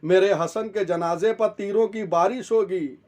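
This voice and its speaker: A male religious scholar delivering a sermon with measured, rhetorical repetition. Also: high-pitched, darkish tone. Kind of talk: Shia majlis sermon.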